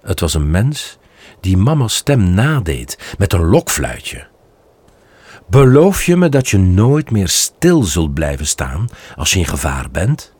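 A man's voice: huge pitch swings, darkish tone, husky, dry recording, heavily acted. A man voicing a grave noble stag father. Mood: gentle, grave. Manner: deep, slow and grave. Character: noble stern father stag, grown male deer.

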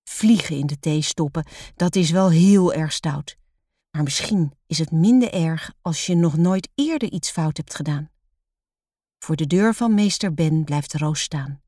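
Woman storyteller, slow and measured, low-pitched children's book reading. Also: warm tone, no room sound, studio quality.

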